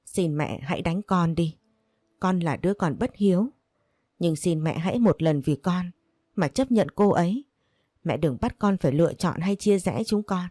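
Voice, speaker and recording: A gentle grown son, as a woman narrator reads him pleads softly with his mother. His voice stays low and warm. The recording is dry and close. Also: moderate pace, no echo, close to an everyday voice. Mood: pleading. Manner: soft, pleading.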